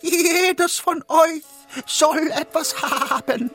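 A man doing a high slow mother goat. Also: bright, forceful tone, soft background music, full character voice. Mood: coaxing. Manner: high, slow, drawn-out falsetto. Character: mother goat, also wolf faking her voice. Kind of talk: storybook narration.

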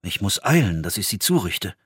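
A man voicing a small, kindly dwarf cook who talks in a lively, gentle way. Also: fairly low pitch, moderate pace, husky, no room sound, clean studio sound, voice pushed down, heavily acted. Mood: muttering.

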